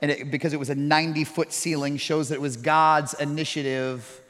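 A man in his thirties preaching a sermon, swinging between loud storytelling and hushed, slow reflection. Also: fairly high pitch, little pitch movement, long reverb tail. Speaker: pastor.

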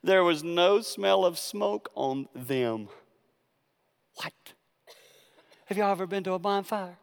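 A male preacher telling a sermon story in a colloquial, animated way, with frequent restarts. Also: high voice, slow, gravelly, clear, resonant tone, long reverb tail.

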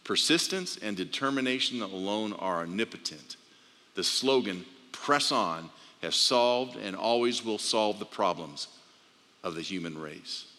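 A man giving a personal testimony talk, halting and repeating words as he tells an emotional story. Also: on the low side, animated, bright, forceful tone. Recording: long hall reverb.

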